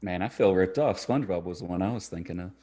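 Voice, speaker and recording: A man's voice: deep voice, quick pace, warm tone. A man chatting casually as a podcast guest, laid-back and calling people man. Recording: audible background noise.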